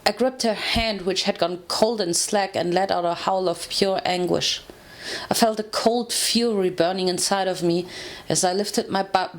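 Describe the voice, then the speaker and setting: A woman reading a first-person fan story aloud, steady and narrative, with occasional self-corrections. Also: fairly low pitch. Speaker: fanfiction reader.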